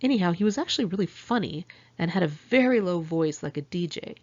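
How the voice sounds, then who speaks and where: A little fast and animated, a middle-aged author from California reads her memoir in a lowish, slightly mellow voice on a lo-fi recording. Her first-person, diary-style narration is candid, wry, and full of sardonic asides.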